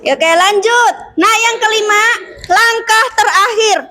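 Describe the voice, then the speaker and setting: A woman's voice: extremely high pitch, unhurried. A woman teacher in a classroom, explaining steps to her students and teasing them with questions. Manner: lively, asks the class questions and teases. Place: school classroom.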